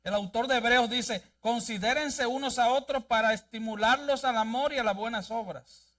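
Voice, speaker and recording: High-voiced preaching pastor, off-mic. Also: male voice, normal speed, fairly bright tone, far from the mic. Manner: emphatic preaching, reading scripture aloud. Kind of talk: sermon. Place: church sanctuary.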